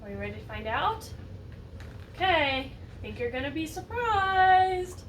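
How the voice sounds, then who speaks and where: A teacher reads a picture book to children in a high, animated voice at a measured pace, drawing them in with questions and asides. The microphone is some distance away, and light noise can be heard behind her.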